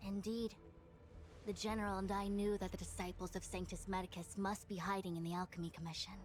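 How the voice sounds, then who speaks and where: A woman's voice: mid-range voice, little pitch movement, a little fast, slight background noise, lightly acted. An actress playing an authoritative, stern female commander and diviner in a video game, with formal, commanding delivery. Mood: stern, accusing. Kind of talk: scripted video game dialogue.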